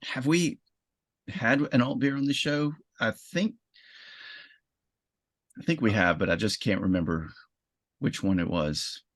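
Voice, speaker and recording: Chatty low-voiced male co-host. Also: unhurried, pauses often. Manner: chatty, explanatory. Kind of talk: casual beer review chat.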